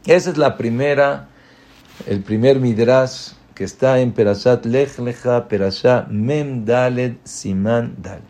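A man gives a religious lecture full of stories. His voice is dark and mellow, and he speaks at an unhurried pace. His pitch jumps up for quoted questions, and he turns quiet and low for the main points. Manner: lively storyteller, rising to a high pitch for quoted questions; drops to a quiet, low voice for punch lines. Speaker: Torah teacher.

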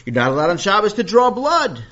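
A man's voice: sits high, sing-song, brisk, fairly bright tone, voice pushed up. A man doing a kindly school rabbi teacher. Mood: teaching. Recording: dull lo-fi recording.

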